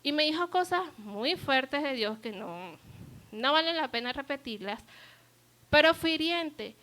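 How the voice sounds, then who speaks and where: A woman's voice: high voice, animated, measured pace, a bit bright. A woman preaching a sermon at a church service, earnest and asking the congregation rhetorical questions.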